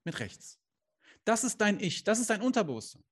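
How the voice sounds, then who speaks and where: A man with a high-pitched voice talks to camera as a life coach. He is earnest and direct, firing off rhetorical questions and sprinkling in Islamic phrases. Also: sing-song, normal speed, a bit bright, slightly rough. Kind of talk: motivational coaching talk to camera. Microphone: camera he adjusts himself.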